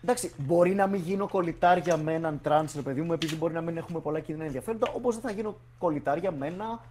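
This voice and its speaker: A man chatting casually as a podcast co-host, animated and argumentative, dropping English slang into his talk. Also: a little high, a little hiss or hum. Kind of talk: casual chat.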